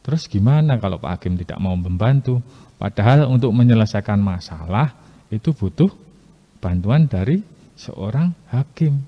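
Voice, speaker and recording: A man telling a Bible story to children, lively and asking the listeners questions. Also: lowish voice, moderate pace. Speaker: Sunday school teacher. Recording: muffled echoey hall.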